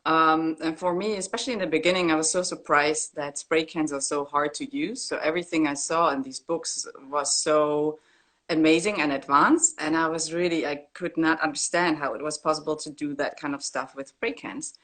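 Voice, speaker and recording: Low-pitched woman, candid and loose, video-call guest. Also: moderate pace. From East Germany. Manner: relaxed, candid, with frequent fillers and laughs. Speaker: graffiti artist guest. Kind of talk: casual video-call interview. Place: indoor room at home. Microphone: laptop webcam on a video call.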